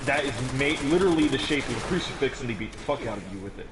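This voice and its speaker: Talking fast and expressively at a medium pitch, this teenage boy explains a game build in a casual chat. He rambles, keeps starting over, and laughs softly at his own comments. Background noise can be heard.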